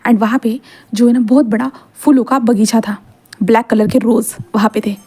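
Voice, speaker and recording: Warm-voiced woman narrating a story. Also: a little high, steady tone, moderate pace, breathy edge. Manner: plain, conversational narration with many fillers. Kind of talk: reading fan fiction aloud.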